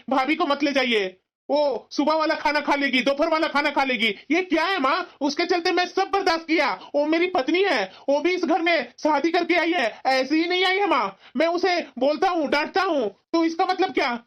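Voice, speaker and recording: A woman's voice: sits high, a bit bright. A woman voicing a stubborn adult son who firmly refuses to back down in a cartoon family drama. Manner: firm, insistent scolding. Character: adult son, stubborn and resentful toward his sister. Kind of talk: cartoon voice acting. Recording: dull lo-fi sound.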